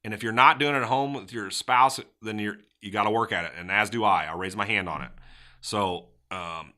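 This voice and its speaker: A man's voice: fairly low pitch, fairly quick. A middle-aged man hosting a podcast, giving casual motivational sales advice and acting out sample lines in different tones. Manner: animated, acts out sample lines with shifting tone. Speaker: podcast host.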